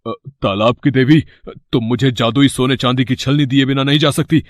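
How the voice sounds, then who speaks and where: A man plays a greedy, scheming older brother in a storybook tale. He talks in a wheedling way, stumbling over hesitant fillers, and his voice sounds dry and close. His pitch sits in a middle range. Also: fairly even intonation, moderate pace, dry recording, lightly acted. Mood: panicked. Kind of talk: storybook voice acting.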